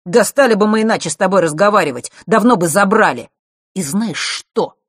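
A woman's voice: sits low, expressive, moderate pace, slightly rough, dry recording, clean studio sound. A woman reading a storybook and voicing a smug, spiteful young man who speaks with sneering irritation. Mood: irritated.

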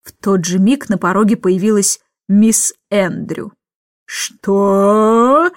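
Woman audiobook narrator, lively storytelling, dry close sound. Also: mid-range voice, unhurried, no room sound.

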